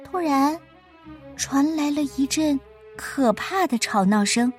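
A woman reading a children's picture book aloud in a playful, expressive way, her voice rising and falling with the story. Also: high voice, slow, soft background music.

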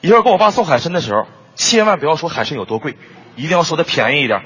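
An actor playing a fussy, bossy male boss in a comedy sketch, brisk and commanding, recorded muffled in a reverberant hall. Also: a little high, sing-song, fairly bright tone, husky, heavily acted.

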